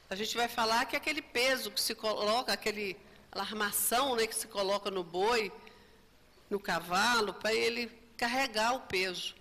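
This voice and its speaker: A woman gives a spiritist lecture in a bright, fairly high voice, often adding tag questions as she tells a story. Her voice rings through a reverberant hall. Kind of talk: religious lecture.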